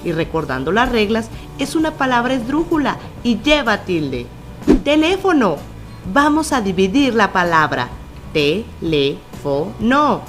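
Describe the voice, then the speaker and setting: Lively, high-voiced woman teaching grammar. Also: music in the background. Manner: slow, stretched spelling-out of example words. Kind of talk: scripted lesson narration.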